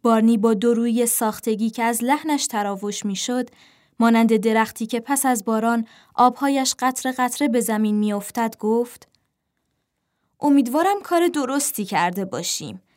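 A woman narrating a storybook in a calm, measured reading voice. Her pitch sits a little high, and she keeps an even, steady pace. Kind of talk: scripted narration.

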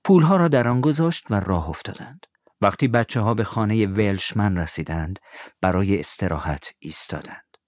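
A man narrating a children's story, animated, dropping to whispers for suspense. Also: fairly low pitch, no echo, studio quality.

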